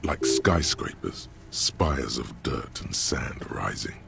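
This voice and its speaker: A man voicing a grave, all-knowing game narrator who describes scenes slowly and solemnly. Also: rumbling low, animated, vocal fry, full character voice.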